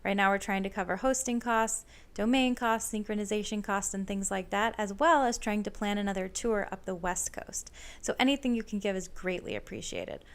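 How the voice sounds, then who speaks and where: A woman hosting a podcast, speaking in a steady, even manner as she introduces the show and her guests. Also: medium pitch, normal speed, few pauses. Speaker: podcast host.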